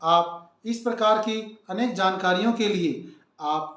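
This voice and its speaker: Devotional channel host, man, high-pitched, preachy, echoey room. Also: measured pace, a bit bright. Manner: earnest, preachy, addresses viewers directly. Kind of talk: spiritual advice talk.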